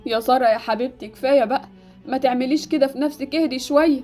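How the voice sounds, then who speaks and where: A woman voicing a gentle mother with an Egyptian accent. The mother speaks tenderly as she comforts her daughter. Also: sits high, very fast, soft background music, voice pushed down, natural voice. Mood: soothing. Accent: Egyptian Arabic. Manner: tender and soothing.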